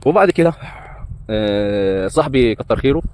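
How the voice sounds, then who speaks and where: Speaking at a normal speed with lively intonation, this man has a medium-pitched, darkish voice, with a little hiss or hum in the audio. In his thirties and carrying an Egyptian Arabic accent, he works as a breakdancer and hotel entertainer and rambles through his life story in a casual monologue, filling it with hesitant fillers.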